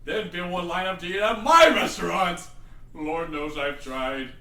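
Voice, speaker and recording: A tiny plankton villain with a high, bright, ranting voice, as a man puts him on, swinging from gleeful cackles to frantic shouts. Heard from a distance in an echoey home room with a faint hiss. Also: measured pace, heavily acted. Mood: scheming. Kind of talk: amateur fan voice acting.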